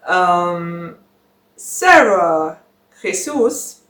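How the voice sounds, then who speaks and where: Here a young woman whose first language is German hosts a book channel, chatting slowly and giggly to camera with lots of rambling fillers. Her lowish voice is sing-song and fairly bright, set in a roomy echo.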